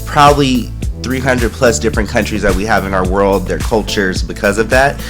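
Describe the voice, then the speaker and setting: A man, telling his story as an interview guest in a podcast studio, friendly and quick to laugh. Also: fairly low pitch, music in the background. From San Francisco Bay Area, California. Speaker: guest, actor and dancer. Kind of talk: casual interview chat.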